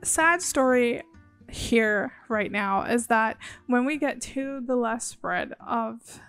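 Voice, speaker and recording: A woman's voice: fairly high pitch, slow, fairly bright tone, clean tone, no room sound, faint music behind. A woman with a slightly groggy voice, chatting casually and rambling with giggles as she narrates her journaling. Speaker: bullet journal creator. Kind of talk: casual voice-over while drawing. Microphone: phone.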